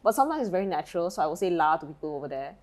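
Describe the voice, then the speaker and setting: A woman's voice: fairly low pitch, sing-song, rapid-fire, a little mellow. A young Malaysian woman with a Malaysian accent, co-hosting a casual chat podcast. She tells stories brashly and swears a lot. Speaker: podcast co-host.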